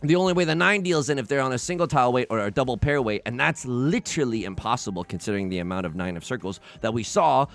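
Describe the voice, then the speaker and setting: A man's voice: medium pitch, animated, fast talker, gravelly, hardly any pauses, fairly bright tone. A man hosting his own let's play, talking through a tile game in a rambling, self-mocking stream of consciousness into a desk microphone. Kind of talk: casual gameplay commentary.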